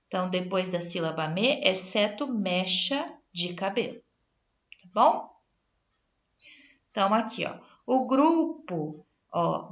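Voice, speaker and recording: A woman's voice: mid-range voice, a bit bright, lo-fi sound. A Brazilian woman teacher giving a spelling lesson, reading out word lists and checking in with the class as she goes. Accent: Brazilian Portuguese.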